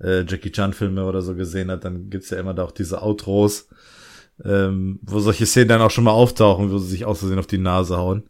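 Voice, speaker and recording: Low-voiced, chatty man. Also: little pitch movement, brisk, darkish tone. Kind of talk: casual film discussion.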